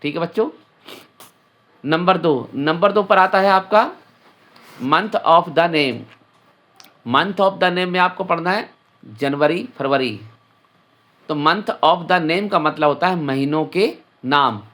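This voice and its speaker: A male teacher leads a children's English lesson in an unhurried, patient way. He spells each word out letter by letter, then repeats it, and speaks directly to the children. His voice sits a little high, and his pace stays slow throughout. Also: a bit bright.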